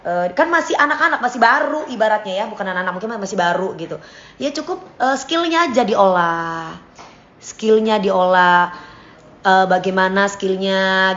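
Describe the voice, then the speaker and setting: A woman in casual chat with her followers, speaking bluntly, giving examples and lecturing, at times dropping to a quiet voice. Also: fairly high pitch, lo-fi sound. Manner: blunt, lecturing, gives examples, drifts between topics. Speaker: singer talking to her followers. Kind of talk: casual live-stream chat.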